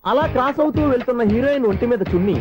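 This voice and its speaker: An eager young writer, pitching his story in a deferential rush. His voice sits very high and the words tumble out fast. Clear noise runs under a film soundtrack. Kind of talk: film comedy dialogue.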